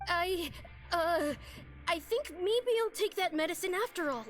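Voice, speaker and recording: A woman's voice: extremely high pitch, animated. A woman voicing a young sick boy, reluctant and hesitant, in a video game. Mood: reluctant, disgusted. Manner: hesitant, halting.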